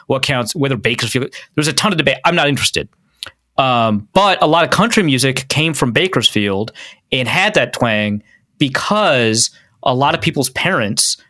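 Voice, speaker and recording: Midwestern guy hosting a podcast, rambly, lots of "like", bright punchy voice, dry sound. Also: medium pitch, no echo. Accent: Midwestern American. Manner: rambling, many "like" fillers and restarts. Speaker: podcast host. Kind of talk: casual podcast chat.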